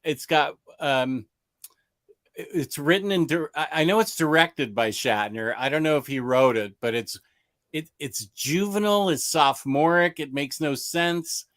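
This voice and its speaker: A man's voice: a little high, unhurried, fairly bright tone, no echo, clean studio sound. A middle-aged American man hosting a casual comics chat, rambling with restarts and frequent chuckles as he reads viewer questions. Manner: rambling, self-interrupting, chuckles often. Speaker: comics channel host.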